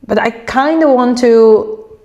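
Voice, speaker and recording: A woman's voice: on the high side, slow pace, mellow, dull audio. Chatty Dutch-accented woman vlogging. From Netherlands. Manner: chatty, rambling, self-aware. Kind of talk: casual vlog chat while cooking. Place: home kitchen.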